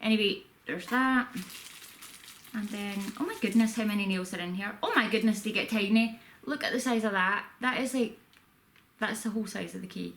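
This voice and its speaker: A woman's voice: mid-range voice, moderate pace, a bit bright. A woman vlogging from a room at home, chatting casually and rambling a little with self-deprecating asides. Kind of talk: casual haul video chat. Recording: echoey room with faint background noise.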